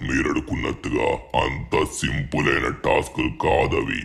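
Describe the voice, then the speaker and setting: A man's voice: moderate pace, a bit bright, close to an everyday voice. A man voicing a giant, menacing male fire alien monster who growls threats at the heroes in a game video.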